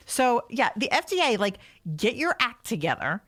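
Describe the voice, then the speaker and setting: A woman's voice: on the high side, very animated, moderate pace, fairly bright tone. A woman co-hosting a casual comedy podcast, chatting and ranting in an emphatic, incredulous, sweary way. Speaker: podcast co-host. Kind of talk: casual comic rant and chat.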